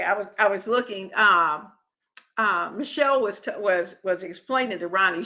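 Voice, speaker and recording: Hosting a cooking live stream from home, a middle-aged woman talks to viewers with a medium-pitched, sharp voice. Her friendly chatter wanders and she restarts a lot. The audio quality is poor.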